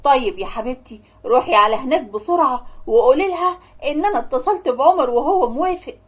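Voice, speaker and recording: A woman plays a young Egyptian husband in an animated story. He speaks calmly and kindly, reassuring his wife. The voice stays high and light. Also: fast, slightly rough. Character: young husband, calm and reasonable.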